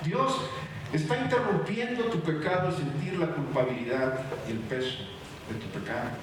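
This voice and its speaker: A man preaches a sermon in a fairly high voice. He swings from fiery, raised lines to sudden hushed ones, leaning on each word for emphasis. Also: animated, moderate pace, slight background noise. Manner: impassioned preaching with sudden drops to hushed tones. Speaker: pastor.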